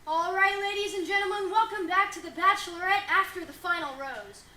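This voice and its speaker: A woman's voice: extremely high pitch, a little fast, pushed and bright. A woman playing a chipper, bubbly dating-show host in an amateur comedy skit, with a perky, announcer-like delivery. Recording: roomy echo, faint noise.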